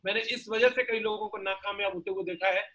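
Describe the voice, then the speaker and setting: A male motivational speaker, his voice sitting very high and sounding bright and forceful. He pushes his points to a sales team in blunt street slang, firing rhetorical questions as he goes. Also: steady tone, brisk, poor audio. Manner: punchy, colloquial, peppered with slang and rhetorical questions.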